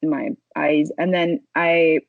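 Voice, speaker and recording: A woman's voice: low voice, fairly even intonation, takes it slowly, gravelly, no room sound. A woman chatting casually as a podcast guest, informal and hesitant as she explains herself. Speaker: podcast guest, social media video creator. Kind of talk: casual chat. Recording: dry, slightly dull audio.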